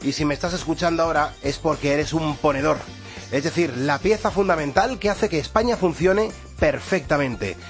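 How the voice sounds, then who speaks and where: A man's voice: fairly high pitch, moderate pace, faint music behind. A man with a Castilian Spanish accent presenting morning radio in an upbeat style, his voice congested, hollow and duck-like from a cold. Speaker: radio morning show host.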